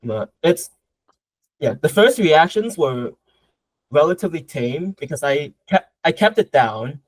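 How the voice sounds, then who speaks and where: A man's voice: fairly high pitch, very animated, a little slow, no room sound, low-quality recording. A young man from Southern Vietnam, answering interview questions casually, with a lot of hesitation, fillers and restarts. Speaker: guest martial artist.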